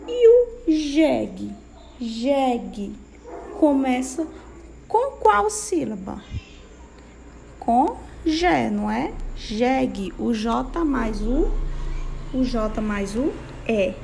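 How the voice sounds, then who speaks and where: A young adult primary teacher with a Brazilian Portuguese accent dictates syllables slowly and patiently to small kids, sing-song and checking in often. Her voice is on the high side, animated and gravelly with a darkish tone, with a little hiss or hum.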